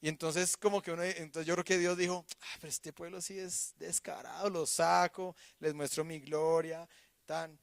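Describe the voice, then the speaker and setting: A man, preaching a sermon as pastor, animated and acting out quoted voices, swinging from loud to hushed. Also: a little high, moderate pace, creaky, dry recording, clean studio sound.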